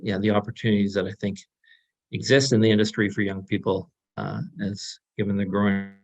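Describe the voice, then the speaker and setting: A man in his fifties, a panelist, speaking over a remote video call whose audio breaks up, with a measured, halting delivery. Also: lowish voice, vocal fry. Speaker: panelist, director of an industry innovation group. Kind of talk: conference panel remarks. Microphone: laptop or webcam mic on a video call. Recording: lo-fi, dull video-call line.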